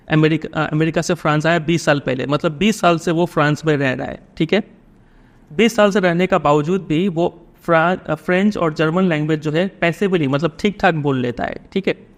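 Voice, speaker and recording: A man teaching a lesson with a slightly raised voice. He reads lines slowly and then explains them in Hindi, checking in again and again with his listeners. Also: a little high. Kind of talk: line-by-line text explanation.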